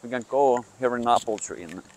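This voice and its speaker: A man who is not a native English speaker gives an informal outdoor lesson as a hunting instructor, explaining in a halting, hesitant way. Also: medium pitch, slight background noise. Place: outdoors in the countryside.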